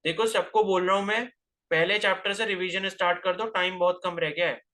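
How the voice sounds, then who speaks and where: Man, physics teacher, high voice, bright tone, rhetorical questions, classroom lecture. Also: steady tone, fairly quick. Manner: scolding students with rhetorical questions.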